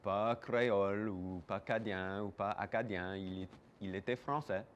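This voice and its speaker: Slow, deep man. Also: steady tone, lo-fi sound, slight background noise. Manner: hesitant, explanatory. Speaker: museum interviewee. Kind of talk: casual interview answers.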